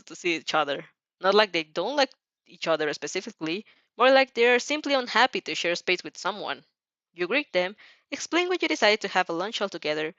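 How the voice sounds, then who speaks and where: Giggling through a fan fiction passage, a woman with a mid-range voice reads expressively and pauses for casual commentary. The recording is dry and lacks the upper frequencies.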